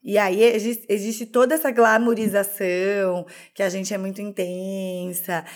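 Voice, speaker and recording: A woman's voice: mid-range voice, level tone, unhurried. A woman co-hosting a podcast in casual chat, candid and self-deprecating, often restarting her sentences. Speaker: podcast co-host.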